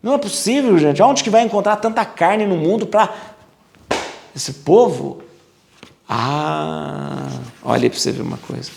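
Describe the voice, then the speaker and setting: A man's voice: a little high, measured pace, creaky, pauses often, a little hiss or hum. A man with a Brazilian accent, a priest giving a casual Bible lesson, talking directly to viewers and repeating words for emphasis. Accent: Brazilian Portuguese. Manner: lively, repetitive, talks to viewers directly.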